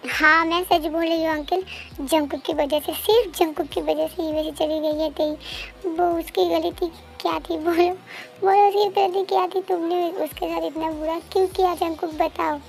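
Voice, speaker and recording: A woman voicing a fiercely loyal young woman in a fan-dubbed story, loud, accusing and demanding. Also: very high-pitched, steady tone, moderate pace, gravelly. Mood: furious. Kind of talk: fan dub story voice acting. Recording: faint background music.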